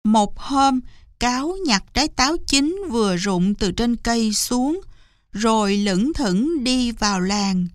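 Woman storyteller, children's fable, slow, fairly high voice, dry close sound. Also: expressive, dry recording.

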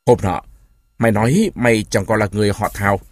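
A man's voice: fairly low pitch, darkish tone, no echo, clean studio sound, natural voice. A man voicing a grieving old mother in a storybook reading, speaking firmly and steadily. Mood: stern. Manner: slow, firm, then crying out.

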